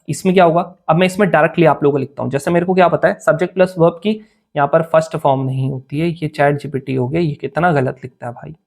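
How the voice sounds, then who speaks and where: A young man teaching English grammar for an exam in casual Hindi mixed with English, often checking whether students follow. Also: on the high side. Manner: chatty, asks students "clear?" often. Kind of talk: informal Hindi-English lesson.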